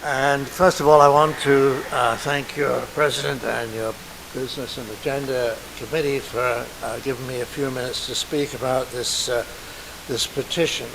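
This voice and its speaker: A man speaking to a church council meeting, halting and full of filler pauses as he presents a petition. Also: medium pitch, flat delivery, vocal fry, background noise. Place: meeting hall.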